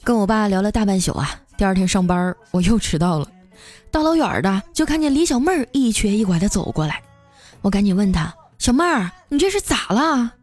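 A woman's voice: mid-range voice, big pitch swings, fast talker, darkish tone. A young woman hosting a podcast and telling funny everyday stories in a playful, laughing way. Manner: playful, laughing, acts out quoted family voices. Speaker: podcast host. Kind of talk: comic storytelling. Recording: music bed under voice.

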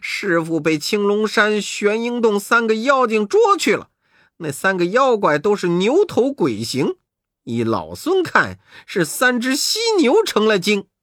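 A brash monkey king barks taunts and orders, as a male storyteller acts him out. His voice leaps high and loud with sweeping pitch. It sounds close and dry, like a storybook reading. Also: huge pitch swings, a little slow, no echo, heavily acted. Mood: brisk. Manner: shouting, scornful.

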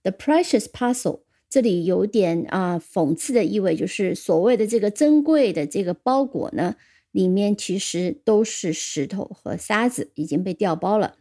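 A woman teaching English words in a recorded lesson, explaining patiently and spelling words slowly letter by letter on English. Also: medium pitch, dark tone.

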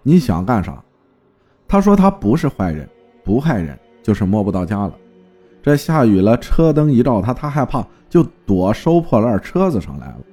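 A man narrating a folk ghost story in a lively, vivid storytelling manner. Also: mid-range voice, moderate pace, faint music behind.

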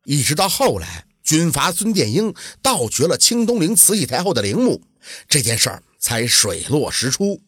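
A man telling a folk tale in a lively, colloquial storytelling manner. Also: a little high, normal speed, husky, no echo, studio quality.

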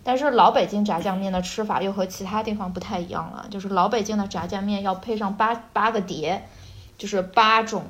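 A woman host chats casually. Her pitch is average for a woman. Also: fairly even intonation, brisk. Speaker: host learning Shanghainese. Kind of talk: casual chat.

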